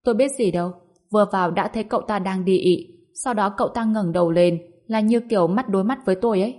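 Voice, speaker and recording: A woman's voice: mid-range voice, quick pace, a little mellow, close to an everyday voice. A woman voicing a curious, easily offended female ghost in an audio story, asking puzzled questions.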